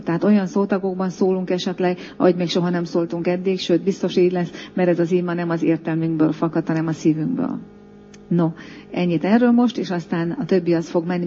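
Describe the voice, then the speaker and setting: A woman's voice: on the low side, mellow. A woman pastor leading a congregation in prayer, coaxing listeners and chanting long strings of flowing syllables between her instructions. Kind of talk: sermon with guided prayer in tongues. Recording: dull lo-fi recording.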